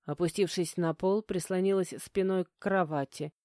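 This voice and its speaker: A woman narrating a first-person audiobook in an even, measured way. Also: on the low side, no echo, clean studio sound.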